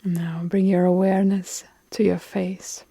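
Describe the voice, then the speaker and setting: A woman guides a yoga nidra relaxation with a mellow, low-leaning voice, calm and soothing, with long pauses. Her soft phrase endings grow breathy, and her delivery is very even with almost no melody. The recording is dry.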